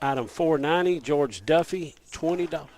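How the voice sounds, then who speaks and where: A man hosting a local radio auction, reading out winners' names and bid amounts in a steady rapid list. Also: on the high side. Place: radio studio.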